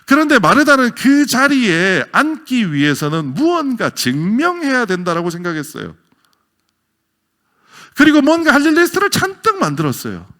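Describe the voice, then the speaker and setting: A man preaching a sermon as a pastor, with a Gyeongsang accent, swinging from loud exclamations to near whispers. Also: very high voice, huge pitch swings, moderate pace. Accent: Gyeongsang Korean.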